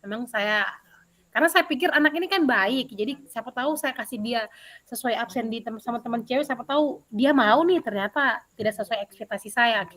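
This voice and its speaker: A woman PE teacher answering interview questions over a video call, telling a story in an animated way with many fillers. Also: a little high, a little fast.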